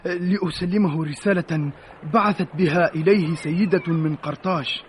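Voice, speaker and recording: An actor in an old Arabic radio drama playing an earnest, anxious, deferential soldier, speaking formally. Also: male voice, fairly high pitch, fairly even intonation, moderate pace, a little hiss or hum, close to an everyday voice. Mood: respectful. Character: earnest, anxious, respectful young male soldier.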